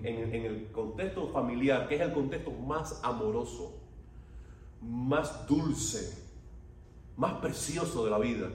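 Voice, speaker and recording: A pastor preaching a sermon, telling stories with animation and asking the congregation questions. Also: male voice, medium pitch, a little mellow. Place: church hall. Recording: echoey hall from far off, faint noise.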